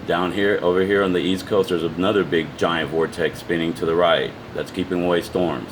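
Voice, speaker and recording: A man giving a casual, unscripted explanation to viewers, halting as he goes, often repeating words and trailing off. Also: low-pitched, fairly even intonation, background noise. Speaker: amateur video presenter.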